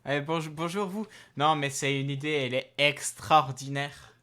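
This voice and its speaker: A man voicing a pushy male arms merchant with a slight Russian accent, pitching his deals in rambling, halting patter. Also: fairly even intonation, crowd noise, lightly acted. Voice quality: rambling salesman patter, full of hesitations.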